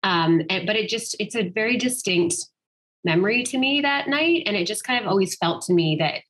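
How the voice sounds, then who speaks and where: At an online literary event, a woman appears as a guest writer in a casual question-and-answer session, responding informally and thoughtfully with some hesitation. Her mid-range voice is fairly bright and quick, with lively intonation.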